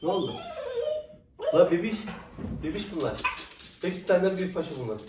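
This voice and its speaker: A man's voice: high-pitched, lively intonation, fairly quick, distant mic. A man vlogging at home with his dogs, coaxing them with affectionate commands while chatting to viewers. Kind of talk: casual vlog talk to dogs and viewers. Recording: echoey, off-mic, noisy background.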